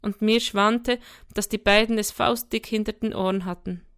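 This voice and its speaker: Smooth-voiced woman reading a story. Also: medium pitch, normal speed. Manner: lively, expressive storytelling. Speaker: audiobook reader. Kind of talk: first-person scripted narration.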